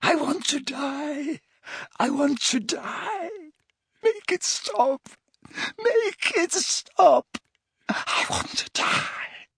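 Dumbledore, tormented old wizard wailing high. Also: male voice, fairly bright tone, no echo, exaggerated voice. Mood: agonised despair. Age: older. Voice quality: breathy, wavering, high moaning voice. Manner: sobbing, pleading, drawn-out wails. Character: anguished elderly male wizard, begging, tormented, weakened.

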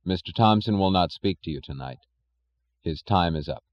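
A calm, implacable male speaker addresses a nation slowly and clearly, as a male reader voices him. His voice sits low, and the recording is dull and lo-fi. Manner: measured, slow, commanding.

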